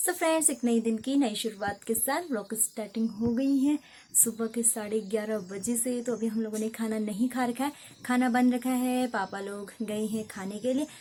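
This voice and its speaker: A woman's voice: fairly high pitch, normal speed, dark tone, a little hiss or hum. Chatty young Kumaoni woman vlogging. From Uttarakhand, India. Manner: chatty, rambling, self-correcting. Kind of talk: casual village vlog chat. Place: outdoors at a village home.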